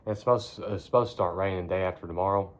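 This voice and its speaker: Deep-voiced, laid-back man rambling casually. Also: steady tone, rapid-fire. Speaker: vlogger. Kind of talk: casual rambling chat to camera. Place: in a barn.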